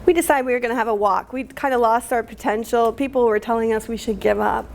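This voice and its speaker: Emotional woman with a gravelly voice. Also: a little high. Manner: halting, many fillers, emotional. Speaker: community activist speaker. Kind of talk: emotional public talk.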